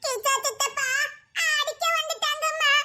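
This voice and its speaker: A woman's voice: level tone, moderate pace, pushed and bright, a little hiss or hum, heavily acted. A woman voicing cheeky little children who giggle and tattle in a comic family skit. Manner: squeaky, giggling childlike chatter.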